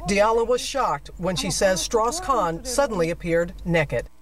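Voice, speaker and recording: A woman narrating a news report in a measured, scripted tone. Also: medium pitch, expressive. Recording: distant voice, noisy background.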